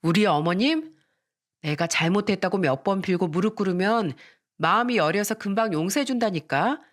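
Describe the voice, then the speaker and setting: A woman's voice: mid-range voice, normal speed, close to an everyday voice. Woman putting on a two-faced young daughter-in-law. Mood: smug. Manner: smug on the phone, tearful pleading to her mother-in-law.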